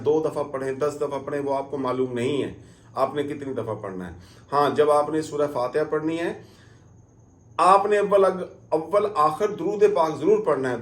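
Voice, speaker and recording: A man giving calm, step-by-step religious instruction as a preacher. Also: medium pitch. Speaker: Islamic preacher. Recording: roomy echo.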